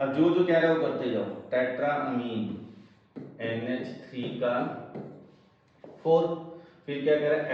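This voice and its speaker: A man teaching a chemistry class, asking his students questions and answering them himself. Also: medium pitch. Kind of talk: lecture to students. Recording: echoey room, distant mic, dull sound.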